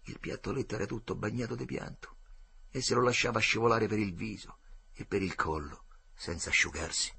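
A man reading literary prose aloud with expressive, dramatic delivery. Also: fairly low pitch, fairly quick, vocal fry, husky. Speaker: reader.

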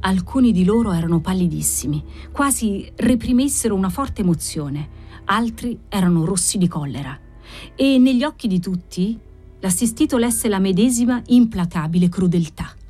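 A woman's voice: mid-range voice, moderate pace, slightly rough, faint music behind. Woman narrating a dramatic novel. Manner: dramatic, expressive reading. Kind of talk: audiobook narration.

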